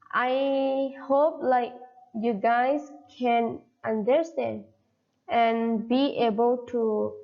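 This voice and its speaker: A woman with a Thai accent teaching English vocabulary in an online class, slowly repeating each word and giving the Thai term. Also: sits high, darkish tone. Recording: dull lo-fi recording.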